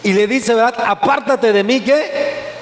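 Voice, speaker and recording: A man's voice: very high voice, a little slow, a little hiss or hum. A male pastor preaching a sermon, often asking the congregation questions and answering them himself. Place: church sanctuary. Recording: echoey church hall with faint ambience.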